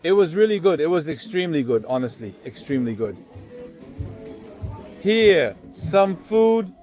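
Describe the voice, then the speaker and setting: A man's voice: fairly high pitch, very animated, measured pace, a little mellow, soft background music. A man chatting casually through a travel vlog, walking city streets and later driving, filmed on a handheld phone. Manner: chatty, narrating while walking and eating. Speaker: travel vlogger.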